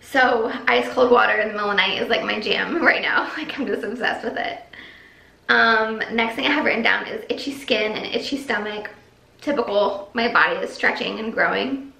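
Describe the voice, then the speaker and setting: A woman's voice: on the high side, moderate pace, vocal fry, pushed and bright. A young pregnant woman sitting at home, chatting casually through her vlog update, short of breath and rambling with lots of fillers. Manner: chatty, rambling, many likes. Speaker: vlogger. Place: empty nursery room at home, echoey. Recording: echoey bare room.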